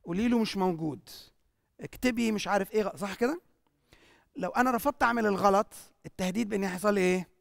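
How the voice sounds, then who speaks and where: An Egyptian-accented church teacher preaches in a question-and-answer session, firing rhetorical questions and answering them at once. The delivery is rapid, and the voice has a gravelly rasp. The sound is dry and close. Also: mid-range voice, fairly bright tone, dry recording. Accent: Egyptian Arabic.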